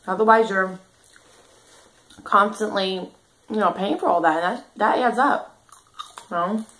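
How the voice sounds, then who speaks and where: A woman's voice: medium pitch, unhurried, fairly bright tone, low-quality recording. A young adult woman chatting casually while chewing, talking with her mouth full and rambling with lots of fillers. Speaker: mukbang host. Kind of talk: casual eating vlog chat.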